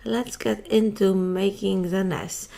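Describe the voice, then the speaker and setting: A woman's voice: medium pitch, steady tone, takes it slowly, gravelly, dark tone. A tired woman giving casual, rambling commentary while playing a modded building game, chatty and self-mocking. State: tired, yawning. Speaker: Minecraft modpack let's-player.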